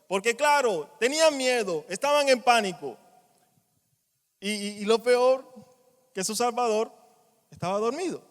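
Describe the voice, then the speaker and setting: A man preaching a sermon in a church, animated, acting out quoted cries and dropping to quiet asides. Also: extremely high pitch, a little slow, long pauses. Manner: animated, acts out quoted voices, strong swings in loudness. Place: church hall. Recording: long church reverb.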